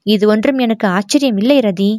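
A woman's voice: mid-range voice, normal speed, darkish tone, dry recording, natural voice. A proud young prince speaks, hurt and stung, as a woman reading the story puts him on. The voice sits only a little above her own. The recording is close and dry. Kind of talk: audiobook narration of a historical novel.

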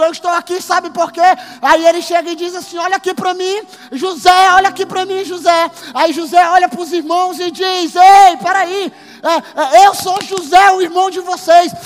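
A man preaching a sermon as pastor, emphatic and building to shouts. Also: very high-pitched. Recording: long hall reverb with faint music.

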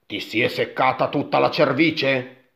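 A man's voice: medium pitch, fairly even intonation, measured pace, gravelly. A man doing a nagging old mother. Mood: scolding. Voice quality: sharp, nagging. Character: bossy, scolding old mother. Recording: dull lo-fi recording.

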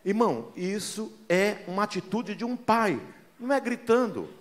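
A man's voice: high-pitched, normal speed. A man preaching a sermon as a pastor, telling folksy stories and often calling listeners "brother". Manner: lively, acts out the voices in his stories.

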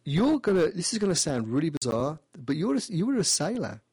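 A male radio host with a fairly high voice gives a caller an animated, playful reading. He talks in a lively way and keeps restarting his phrases. The studio sound is dry and close. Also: brisk, slightly rough, no echo. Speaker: radio show host doing past-life readings. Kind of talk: call-in radio talk.

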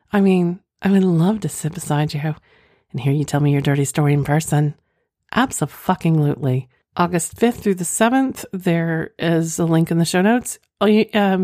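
A woman's voice: lowish voice, a little mellow, dry recording, studio quality. A woman hosting a podcast, talking in a candid, flirtatious way, moving between reading aloud and casual chat. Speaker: podcast host. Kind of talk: reading listener's story, then casual chat.

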